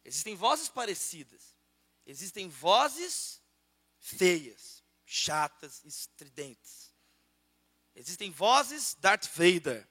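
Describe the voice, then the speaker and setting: A pastor with a Brazilian Portuguese accent preaches a sermon and prays in a church auditorium, switching between loud prayer and softer asides. His voice is high, with a long reverb tail.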